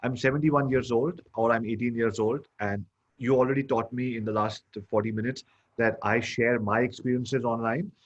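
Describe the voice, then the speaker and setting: A man's voice: medium pitch, steady tone, moderate pace. A man hosting an interview who asks long questions built around imagined scenarios. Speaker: interview host. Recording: dull lo-fi sound.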